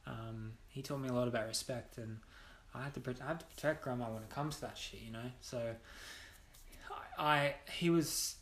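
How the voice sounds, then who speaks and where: A man's voice: mid-range voice, moderate pace, fairly bright tone, slight background noise. Blunt young man in a roomy space. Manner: blunt, swears freely, many restarts. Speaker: podcast guest. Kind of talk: candid personal storytelling. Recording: roomy echo.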